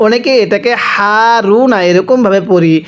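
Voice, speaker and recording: A Bangladeshi man with a high voice teaches Quran recitation step by step. He stretches out each syllable slowly, then explains quickly in between, repeatedly posing questions and answering them himself.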